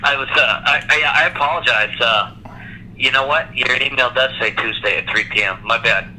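A man's voice: medium pitch, normal speed, bright, forceful tone, slight background noise, rough recording. A man talking over a speakerphone, flustered and apologetic, stammering as a podcast guest. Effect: heard over a phone on speakerphone. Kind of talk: casual phone chat.

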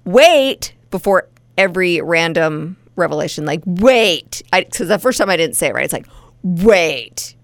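A woman's voice: fairly low pitch, lively intonation, fairly quick, gravelly, few pauses, no room sound. A millennial woman bantering casually as co-host of a radio show. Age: young adult to thirties, millennial.

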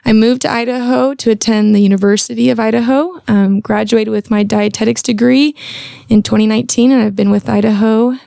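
A woman in her twenties from California, a dietitian guest talking in a friendly, relaxed way on a podcast. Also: on the high side, brisk, gravelly, no room sound, clean studio sound. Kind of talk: podcast interview.

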